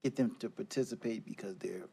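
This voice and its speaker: A man's voice: lowish voice, a little fast, gravelly, dark tone, a little hiss or hum. A man questioning a presenter as a council member at a public meeting, probing and rephrasing as he goes.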